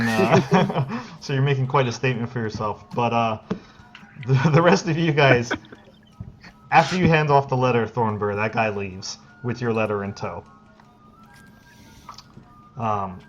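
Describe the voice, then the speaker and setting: A man narrating as game master of a tabletop game, loose and chatty with many fillers, over online voice chat. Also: lowish voice. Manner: laughs often, loose, filler-heavy narration. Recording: dull lo-fi voice chat.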